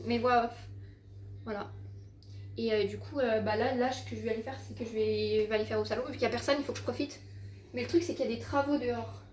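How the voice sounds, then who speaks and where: A woman's voice: a little high, slight background noise. Rambling teen girl vlogging at home. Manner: rambling, filler-heavy, swearing, exasperated storytelling. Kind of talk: casual vlog chat to camera. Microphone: handheld phone.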